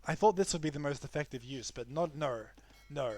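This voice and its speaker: A man's voice: fairly high pitch, fairly quick, a little mellow. Chatty New game caster, man. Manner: chatty, frequent restarts and fillers. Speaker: esports caster. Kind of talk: live game commentary.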